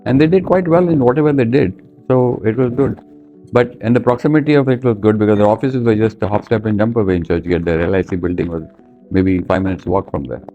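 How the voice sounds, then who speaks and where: This lo-fi clip, with faint background music, features a seventy-something Indian man with an Indian accent, his voice lowish and dark-toned and his pace fast. As an interview guest he relates his life story conversationally, in a plain-spoken, anecdotal style.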